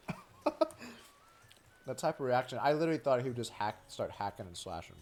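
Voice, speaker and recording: A man's voice: mid-range voice, lively intonation, a little fast, a little mellow. A man streaming a video game, chatting casually in a rambling, frank way with many fillers. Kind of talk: casual chat while gaming.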